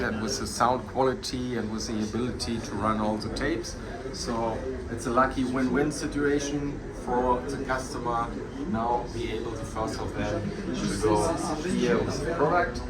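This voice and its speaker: Presenting a product informally on behalf of his company, a man speaks with a German accent at medium pitch. His English is non-native, halting and searching.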